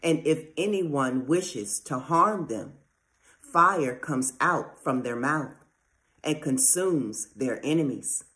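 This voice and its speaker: A reader giving a measured, solemn scripture reading with a deliberate delivery. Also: mid-range voice, animated, sharp tone.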